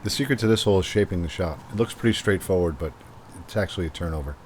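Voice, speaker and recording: A man giving measured, analytical golf-style commentary on a disc golf tournament, explaining shots and holes. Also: low-pitched, a little hiss or hum. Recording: music behind the voice. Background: music.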